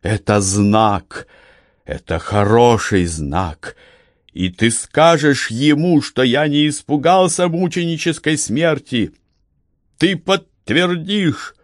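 A man's voice: mid-range voice, slow pace, no room sound, studio quality, pitched above the performer's own voice, natural voice. A man voicing an anguished male martyr who speaks fervently and emotionally in an audiobook.

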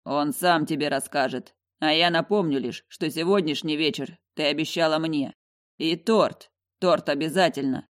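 A woman voicing a friendly, gently bossy male elf in a fantasy audiobook. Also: low-pitched, moderate pace, close to an everyday voice. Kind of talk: audiobook character voice.

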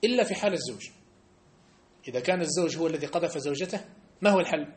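A man giving a mosque study-circle lesson, animated and emphatic, often checking that his listeners understand. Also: a little high, rapid-fire. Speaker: religious teacher. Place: mosque hall.

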